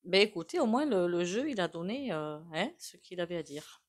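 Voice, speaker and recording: Woman, tarot reader, lowish voice, chatty with lots of fillers. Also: sing-song, moderate pace. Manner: chatty, many fillers and asides to viewers. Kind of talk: casual tarot reading monologue.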